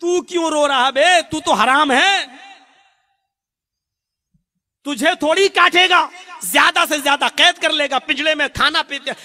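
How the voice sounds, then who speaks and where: A man's voice: extremely high pitch, unhurried, pauses often, sharp tone, pitched above the performer's own voice, exaggerated voice. A man voicing a male pigeon caught in a net, scolding the crow in a raised voice.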